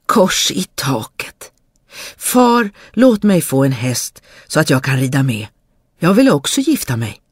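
A storyteller voicing a foolish, cheerful young peasant brother who shouts eagerly in a dry recording. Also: medium pitch, sing-song, breathy edge, no room sound. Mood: eager, boisterous.

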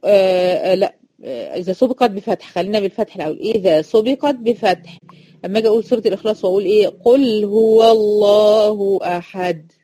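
A woman's voice: medium pitch, warm tone, no echo. A woman with an Egyptian accent teaching a Quran recitation lesson to female students, chatty, repeating each rule and checking if they follow. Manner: chatty, explains by repeating rules and asking quick check questions.

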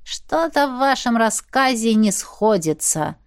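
A woman's voice: fairly high pitch, lively intonation, unhurried, clear, resonant tone. A woman voicing a stern, suspicious older man who questions people in an accusing, official tone.

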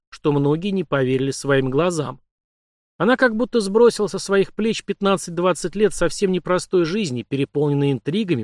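A man reading an audiobook with ironic, lively storytelling. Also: fairly high pitch, no room sound, clean studio sound. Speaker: audiobook narrator. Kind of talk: scripted narration.

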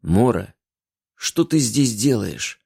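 A man playing a weary grown man who answers slowly and sullenly. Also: on the low side, a little mellow, no room sound, clean studio sound, close to an everyday voice. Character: weary grown man, town protector, calm lover.

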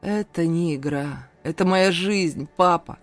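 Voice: medium pitch, a little slow, no room sound, soft background music, natural voice. An audiobook reader voicing a defiant young adult son who argues heatedly and pleads with his father. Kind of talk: audiobook character voice.

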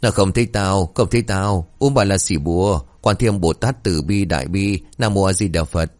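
A man's voice: deep voice, moderate pace, darkish tone, lightly acted. A man playing a terrified young man who mumbles frantic prayers.

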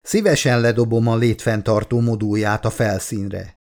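A stubborn ship captain, played by a male audiobook reader, firm and dry. He states his mind flatly and gives no ground. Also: on the low side, natural voice. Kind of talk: audiobook character voice.

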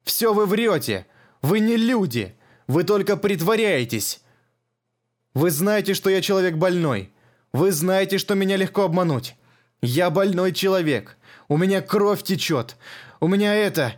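A man voicing a frail, terrified old man who pleads and shouts in panic. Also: high voice, animated, a little slow, voice pushed up. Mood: frantic.

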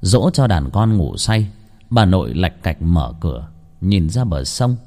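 Man narrating a ghost story, warm and lively. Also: low-pitched, unhurried.

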